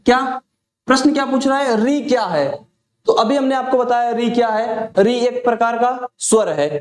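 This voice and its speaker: A man's voice: extremely high pitch, normal speed. A male teacher running an exam-prep lesson, who asks each question aloud and then answers it himself. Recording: echoey room.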